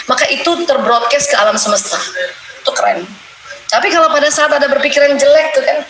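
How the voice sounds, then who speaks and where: A middle-aged woman with a fairly high voice gives a lively religious talk on marriage to a room of women. She acts out short prayers and little dialogues with playful energy. The recording is echoey, with loud background noise. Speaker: speaker giving a talk to women.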